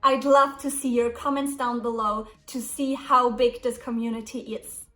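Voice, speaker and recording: A woman teaching German in English, explaining sentence structure slowly and carefully. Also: on the high side, fairly even intonation, pushed and bright. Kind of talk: English lesson with German example dialogues. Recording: echoey room, music behind, mic at a distance.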